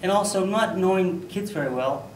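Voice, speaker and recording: Man, speech contest storyteller, animated, fairly high voice, echoey hall, mic from far off. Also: moderate pace, slight background noise. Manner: animated, loud bursts for sound effects. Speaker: contest speaker.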